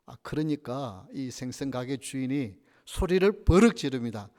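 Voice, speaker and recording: A male pastor delivering a Sunday sermon with lively storytelling and frequent rhetorical questions. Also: medium pitch, normal speed. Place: church sanctuary. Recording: reverberant church sanctuary.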